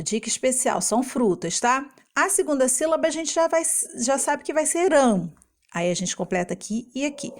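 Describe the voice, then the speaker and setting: A woman teacher explaining a homework lesson to young children in Brazilian Portuguese, patient and slow, sounding out syllables. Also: fairly high pitch.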